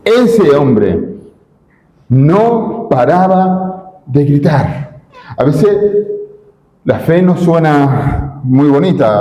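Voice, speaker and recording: Emphatic preacher in an echoey church. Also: male voice, medium pitch, warm tone, muffled recording, a little hiss or hum. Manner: emphatic, asks the congregation rhetorical questions. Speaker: pastor. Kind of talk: sermon.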